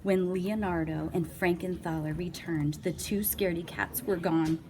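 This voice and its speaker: A woman's voice: fairly low pitch, steady tone, moderate pace, a little mellow, a little hiss or hum. A woman reading a children's picture book aloud with playful, dramatic emphasis and little asides. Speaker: read-aloud storyteller.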